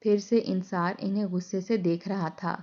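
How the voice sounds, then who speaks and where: A woman narrating an emotional moral story in a steady, dramatic way. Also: mid-range voice, normal speed. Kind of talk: scripted narration. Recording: dull lo-fi recording.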